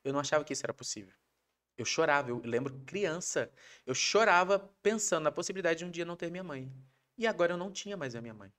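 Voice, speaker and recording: A Brazilian man, a podcast guest, telling a personal story in a casual, animated way, acting out his wife's lines. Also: a little high, fast. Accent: Brazilian Portuguese. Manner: animated, acts out quoted voices of his wife.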